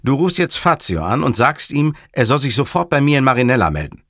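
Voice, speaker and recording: A man voicing a grumpy, short-tempered male police commissioner who speaks bluntly and gruffly. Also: medium pitch, sing-song, fairly quick, a bit bright, dry recording, clean studio sound, pitched above the performer's own voice. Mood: irritated gruff.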